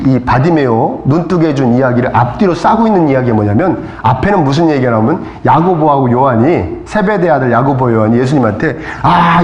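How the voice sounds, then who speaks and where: A male pastor delivers a sermon in a fairly high voice that swings widely in pitch. He peppers it with questions to the congregation and acts out voices from the story. The sound rings in an echoey church hall. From South Korea. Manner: preaching with rhetorical questions and calls of amen; acts out crowd voices and rebukes. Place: church sanctuary.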